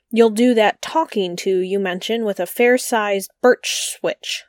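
A woman's voice: medium pitch, no echo, clean studio sound, close to an everyday voice. A woman playing a blunt, judgmental, nosy older neighbor woman in an amateur radio play.

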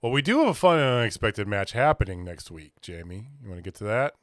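Podcast guy telling the story, laughing a lot, really animated, clean dry sound. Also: fairly low pitch, fast talker, dry recording. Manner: animated storyteller, laughs often, acts out quotes. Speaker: podcast co-host. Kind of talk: casual wrestling recap chat.

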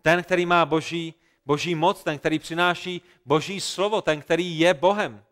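A man delivers a sermon, retelling scripture with earnest, emphatic repetition. His voice is smooth and clear. It sits a little higher than most men's. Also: fairly even intonation, a bit bright. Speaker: pastor.

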